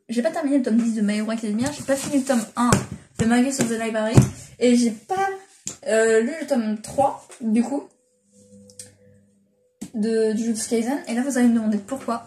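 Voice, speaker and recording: Young woman, casual vlog chat, slightly high voice, rambling, fillers and restarts, built-in mic. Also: background noise. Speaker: manga vlogger. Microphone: built-in device mic.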